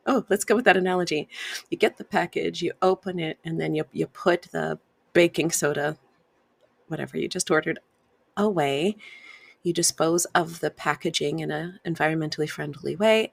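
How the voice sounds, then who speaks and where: Low husky lady on a wellness podcast, talking you through it gently, dry close sound. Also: normal speed, no echo. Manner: gentle, guiding, with frequent laughs and sighs. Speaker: podcast host and wellness coach. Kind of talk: solo podcast teaching.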